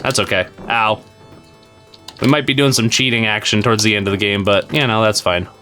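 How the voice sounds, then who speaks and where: A man's voice: lowish voice, fairly even intonation, fairly quick, pushed and bright, faint music behind. A man streaming a retro game, rambling casually to his chat with fillers and the odd swear word. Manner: talks to chat while playing. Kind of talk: casual live-stream gameplay commentary.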